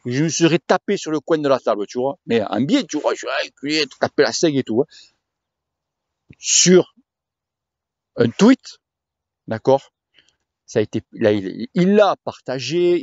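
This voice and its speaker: A man's voice: mid-range voice, darkish tone, no echo, highs cut off. A man, ranting casually to his viewers as a cycling vlogger, crude and slangy, rambling from one point to the next.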